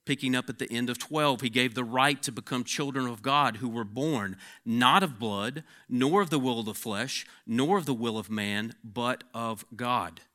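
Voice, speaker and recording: A man preaching a sermon, swinging between emphatic peaks and hushed, intense passages, sometimes repeating words as he starts a phrase. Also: mid-range voice, moderate pace, few pauses. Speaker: pastor.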